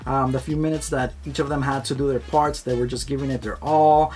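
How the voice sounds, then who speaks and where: A man's voice: mid-range voice, level tone, a little fast, darkish tone. A man chatting casually and cheerfully about a busy video shoot. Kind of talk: casual chat.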